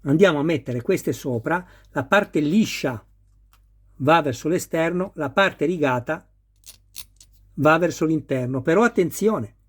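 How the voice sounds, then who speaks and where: A man's voice: on the high side, expressive, unhurried, husky. A man talking viewers through assembling a scale model car step by step, patient and careful with each detail. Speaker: model kit builder. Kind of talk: hands-on assembly tutorial.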